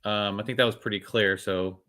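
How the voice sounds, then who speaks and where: A man co-hosts a podcast in an easygoing way, relaying questions and acknowledging answers with quick "gotchas." His voice is bright and forward. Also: lowish voice, fairly even intonation. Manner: easygoing, says gotcha a lot. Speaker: co-host. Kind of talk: casual podcast chat.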